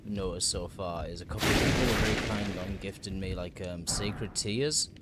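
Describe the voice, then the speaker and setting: A man's voice: low voice, normal speed, very noisy. A man streaming a video game, talking casually to his viewers in a chatty, easygoing way with apologetic asides. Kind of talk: casual live-stream chat while gaming.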